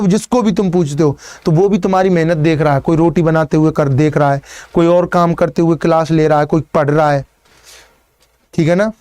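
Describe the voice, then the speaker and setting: High-voiced male teacher with a lilt. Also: mellow, no echo. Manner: repeats "ठीक है ना" and explains step by step; greets students by name and encourages them. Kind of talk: live online exam-prep class.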